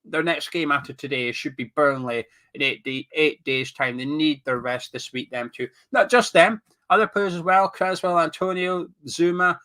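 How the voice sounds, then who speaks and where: A Scottish man live-streams from his webcam, reading viewer comments aloud and bantering with chat while drifting off topic. He sounds sniffly and blocked up from a cold. His voice is on the high side and sharp, at a moderate pace with few pauses.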